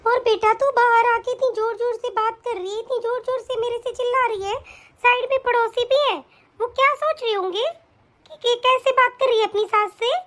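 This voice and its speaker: A woman's voice: extremely high pitch, fairly even intonation, moderate pace, fairly bright tone. Woman voicing an elderly scolding mother-in-law. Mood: reproachful. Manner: scolding, reproachful.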